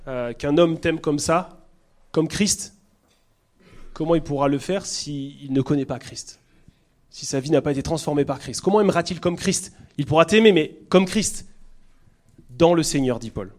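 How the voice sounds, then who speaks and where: A man's voice: fairly high pitch, a little slow, long pauses, darkish tone. Earnest man with a southern French accent. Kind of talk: conversational teaching talk.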